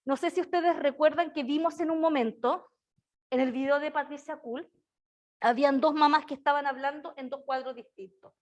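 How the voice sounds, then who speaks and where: A woman's voice: sits high, steady tone, moderate pace. A woman giving a classroom lecture on early childhood education. She keeps checking in with her students through tag questions and slips into a sing-song baby-talk voice for her examples.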